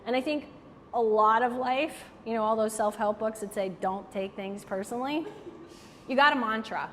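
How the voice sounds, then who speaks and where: A networking speaker with a voice on the high side, speaking at normal speed, gives a casual, joking talk to a live audience and takes questions. She's candid and animated and says "like" often. The recording has hall reverb and faint background noise.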